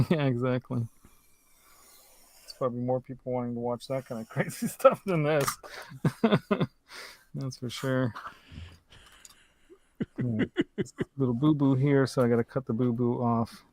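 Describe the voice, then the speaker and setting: A man's voice: mid-range voice, a little slow, pauses often, darkish tone, no echo. Man, jokey, chatty, laughs a lot, dry close sound, home workshop. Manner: jokey, laughs often, thinks aloud. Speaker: host. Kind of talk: casual chat while working on a guitar. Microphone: desk mic close by.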